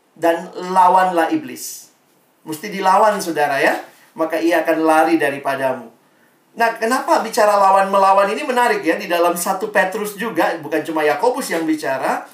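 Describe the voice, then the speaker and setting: Woman preacher, low-set voice, emphatic sermon delivery, echoing room, mic at a distance. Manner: emphatic, rhetorical questions to congregation. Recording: roomy echo, distant mic.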